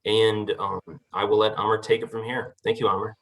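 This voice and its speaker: A man introducing a guest speaker on a video call, in a halting way with many pauses. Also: on the low side, little pitch movement, fairly bright tone. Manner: halting, with fillers. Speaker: event host introducing the speaker. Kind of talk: brief formal introduction.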